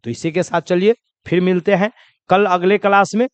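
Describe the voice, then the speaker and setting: A man's voice: high voice, fairly even intonation, moderate pace, clear, resonant tone, no room sound. A man teaching spoken English in a lesson, drilling example sentences and asking and answering his own questions. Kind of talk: classroom lesson.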